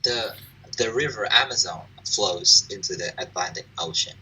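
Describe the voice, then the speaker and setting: A man's voice: deep voice, moderate pace, pushed and bright, slightly rough. Hesitant man student on a distant call. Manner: apologetic, self-deprecating, hesitant. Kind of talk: online class participation. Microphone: video call.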